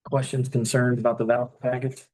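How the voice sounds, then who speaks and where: A man chairs a small-town council meeting in a council room, his voice at an ordinary middle pitch. He runs through the items politely and without fuss. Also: poor audio. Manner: relaxed and polite, moves items along briskly.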